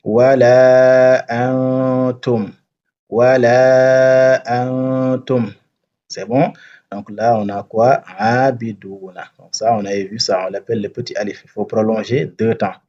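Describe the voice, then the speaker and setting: A man teaching Quran recitation rules step by step, patiently checking that learners follow and chanting the verses slowly. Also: fairly low pitch, fairly even intonation, a little mellow, husky, muffled recording. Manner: patient, repeats and checks understanding; slow drawn-out recitation of verses. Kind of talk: step-by-step tajweed lesson.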